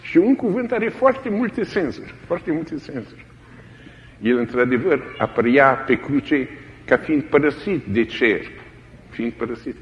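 A man's voice: mid-range voice, expressive, a little hiss or hum. A man preaching a sermon in a dramatic way, repeating key phrases for emphasis. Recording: echoey hall, dull lo-fi old recording.

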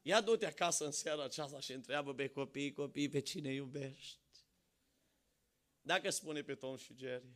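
A man preaching a sermon, swinging from fervent shouting to quiet, conversational storytelling. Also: mid-range voice. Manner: impassioned, rising to shouts.

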